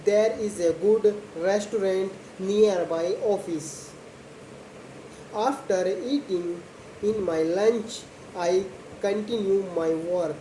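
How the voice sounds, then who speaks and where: A young woman speaks English as a second language at an extremely slow, deliberate pace, pausing between short simple phrases. Her voice is soft-edged and mellow. The recording has an echoey room sound with faint noise behind it. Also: mid-range voice. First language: not English. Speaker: host of a slow English speaking practice video. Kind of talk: slow spoken monologue about a daily routine for English learners.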